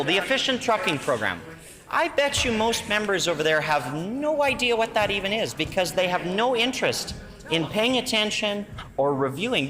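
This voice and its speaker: A man with a Canadian accent giving a combative, critical, emphatic speech as an opposition legislator. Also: sits high. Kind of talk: parliamentary debate speech. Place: large indoor legislative chamber. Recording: reverberant legislative chamber.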